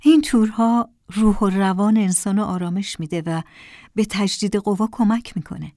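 A woman narrating a first-person story in a calm, measured way. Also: medium pitch, no echo, studio quality.

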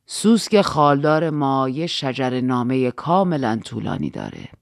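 Brief: woman reading as a low, quiet aristocratic count, wry and sad, audiobook. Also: no echo, clean studio sound. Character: courteous older male count, wry, melancholy.

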